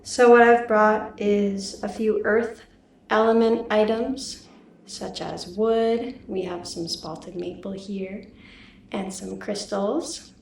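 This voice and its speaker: Woman meditation guide, slightly gravelly, recorded in an echoey room off the mic. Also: mid-range voice, steady tone, far from the mic. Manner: slow, gentle instructions. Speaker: guest meditation teacher.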